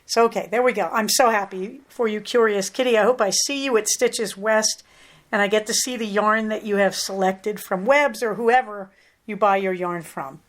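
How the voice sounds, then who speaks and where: A middle-aged American woman hosts a casual solo podcast, speaking at normal speed in a medium-pitched voice. Her talk is chatty and rambling, filled with plenty of asides.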